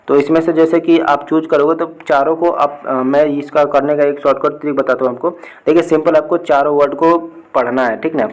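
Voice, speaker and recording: Young male tutor, a little high-pitched, easygoing lesson delivery with constant "okay?" check-ins. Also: low-quality recording. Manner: repeats "ठीक है" often, talks students through answers. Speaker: exam-prep tutor. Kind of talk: casual Hindi exam lesson.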